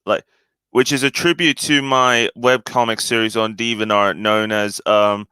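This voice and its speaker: A man's voice: fairly low pitch, fairly even intonation, measured pace, sharp tone, smooth, no echo. A man chatting casually on his own live stream, hesitant and full of fillers and restarts.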